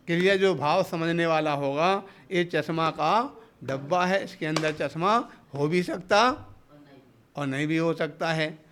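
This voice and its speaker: A man's voice: high-pitched, a bit bright. A man, a monk, giving a sermon into a microphone, explaining step by step, asking his listeners questions and acting out short everyday exchanges. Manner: explanatory, asks rhetorical questions; acts out short everyday dialogues. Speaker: Jain monk giving a discourse. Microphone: speaking into a hall microphone.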